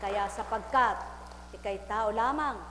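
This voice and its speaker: A woman preaching a sermon, firing repeated rhetorical questions at the congregation and rising into loud exclamations. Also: medium pitch, measured pace. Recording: echoey hall with faint hum.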